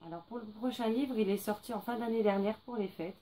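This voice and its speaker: A woman's voice: on the high side, steady tone, brisk, warm tone, a little hiss or hum, low-quality recording. A young woman chatting casually about books she bought, hesitating often with fillers. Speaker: book vlogger. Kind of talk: casual book haul vlog.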